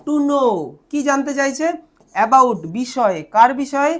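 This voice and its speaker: Bengali woman teacher explaining lesson. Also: sits high. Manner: asks questions and answers them herself, repeats words slowly.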